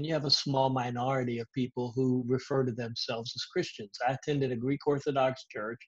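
A man around sixty, a pastor, with a faint Southern US drawl, tells his story earnestly and casually, often pausing on "uh". He talks from a living room through earbuds on a video call, and the sound is muffled and lo-fi. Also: medium pitch, a little mellow, husky. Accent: slight Southern US. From Israel. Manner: earnest storytelling, frequent "uh" fillers. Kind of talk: personal testimony, casual. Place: home living room, indoors. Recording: dull lo-fi video call audio.

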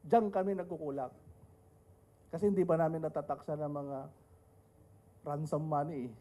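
A man's voice: a little high, fairly even intonation, normal speed, dark tone. Filipino man lecturing with a dry joke. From Philippines. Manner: joking asides and rhetorical questions. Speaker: tax lawyer speaking on a panel. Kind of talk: lecture to an audience, mixing Tagalog and English.

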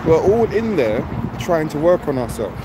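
Holding his phone at arm's length outside a shop on a busy street, a middle-aged man vlogs casually, repeating his points with emphasis and often asking "you know what I mean." His voice is fairly high and sing-song at normal speed, with loud traffic and car noise around him.

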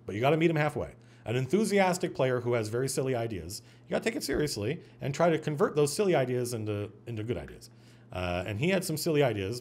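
A man hosting a casual stream about running tabletop games, talking in an animated, digressive way with frequent restarts. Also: medium pitch. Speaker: host and game master. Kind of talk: casual livestream talk on game mastering.

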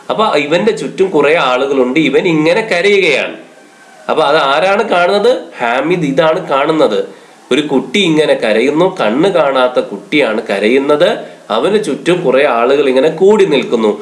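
A man teaching a children's Arabic lesson, explaining slowly word by word and asking the pupils questions. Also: a little high. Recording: echoey room.

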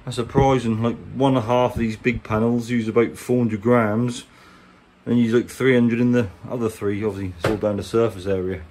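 Here a boat restorer with an English accent speaks a little fast, his mid-range voice darkish and steady in tone. He presents a hands-on how-to in a casual, plain-spoken, chatty and colloquial way. It was recorded handheld in a workshop, with clear background noise.

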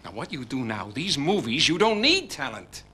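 A man's voice: mid-range voice, sing-song, normal speed, pushed and bright, slightly rough, heavily acted. An actor playing a domineering, scornful rich father who lectures his grown daughter. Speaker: overbearing father.

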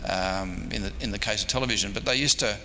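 A man with a fairly low, quick, bright and forceful voice, an Australian in his sixties, gives an off-the-cuff lecture as a historian at a convention, also taking audience questions. He wanders along in a hesitant, self-deprecating style. The indoor meeting room echoes, with background noise present.

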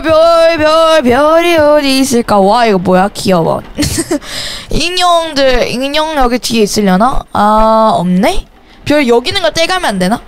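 High-voiced woman chatting through a game. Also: a little hiss or hum. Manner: chatty, exclaims and scolds the game baby loudly. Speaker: game streamer. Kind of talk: casual game commentary.

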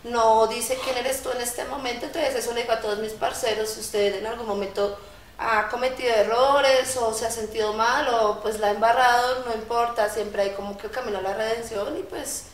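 A woman interviewer asking gentle questions. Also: fairly high pitch, fairly even intonation, normal speed. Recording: roomy sound, a bit off mic.

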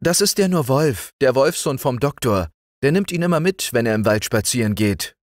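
A man's voice: mid-range voice, normal speed, no echo, clean studio sound, voice pushed up, natural voice. A man voicing a brave, cheerful little village girl in a storybook reading. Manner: bright, lively, eager child voice.

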